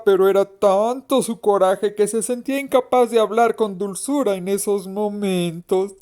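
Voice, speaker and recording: A woman narrating a mystery story in a slow, expressive, suspenseful reading. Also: a little high, smooth.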